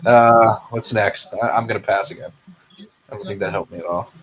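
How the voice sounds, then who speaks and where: A man's voice: on the low side, steady tone, moderate pace, crowd noise, poor audio. A man playing along as a trivia contestant on a casual podcast, griping sarcastically and mocking himself. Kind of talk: casual chat.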